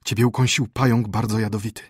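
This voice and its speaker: A grave old court physician, sorrowful and quiet, his words soft and close to a whisper, as a male narrator puts him on. The voice is low and husky, with a dry, intimate sound. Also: steady tone, fast talker, dry recording.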